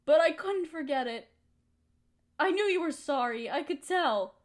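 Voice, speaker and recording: In an audio roleplay monologue, a woman voices a hurt, resentful young woman confronting her roommate, emotional and accusatory with pointed rhetorical questions. Her voice is high and animated, at a measured pace.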